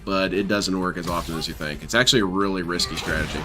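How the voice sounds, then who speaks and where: A man's voice: deep voice, steady tone, quick pace, bright, forceful tone. A man livestreaming casual, teasing game commentary in an affected, silly clown-like voice. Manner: mocking, teasing. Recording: music playing behind voice. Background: music.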